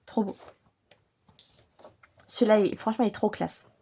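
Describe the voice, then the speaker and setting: A French woman vlogging casually about her coloring books, chatty and enthusiastic, a little hoarse as she recovers from bronchitis. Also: mid-range voice, steady tone, normal speed, mellow. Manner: chatty, enthusiastic, many fillers. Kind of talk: casual vlog chat.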